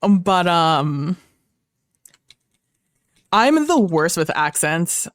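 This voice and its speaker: A woman's voice: fairly low pitch, big pitch swings, very slow, no echo. A young woman who grew up speaking Spanish, chatting casually on a livestream as she reads chat aloud and rambles. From Mexico. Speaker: streamer.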